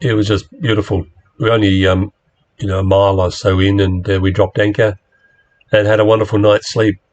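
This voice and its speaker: A man giving a rambling, relaxed slide-show talk to a club, with plenty of fillers as he steps through his pictures. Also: fairly low pitch, a little fast. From Australia. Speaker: club presenter.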